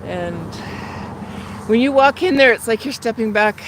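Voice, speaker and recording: A woman's voice: a little high, expressive, a little slow, rough recording. A woman in her fifties from Canada, chatting to viewers on a phone while walking through the city, a little out of breath. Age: 50s. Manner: chatty, rambling, talks to viewers. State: slightly out of breath. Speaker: livestream host. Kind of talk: casual chat while walking. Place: outdoors in a city, near traffic and train tracks. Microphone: phone held while walking. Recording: outdoor traffic noise.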